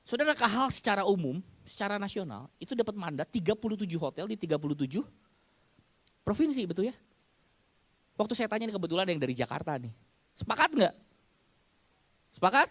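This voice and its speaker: A male pastor preaching a sermon to his congregation, asking them questions and acting out their shouted amens. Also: high-pitched, sing-song, quick pace, long pauses, dry recording. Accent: Indonesian. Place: church congregation.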